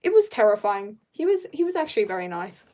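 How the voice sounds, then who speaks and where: This is a teen or young adult woman chatting on an art stream while she draws, rambling, slangy and giggly as she jumps from aside to aside. She sounds very animated, with a medium-pitched, warm voice and a quick pace.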